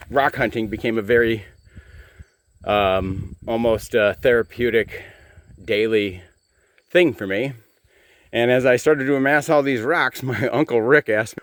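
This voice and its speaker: An American man giving a casual, halting vlog update outdoors in his backyard, with plenty of fillers. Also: fairly low pitch, no echo. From United States. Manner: rambling, halting, many fillers. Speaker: channel host.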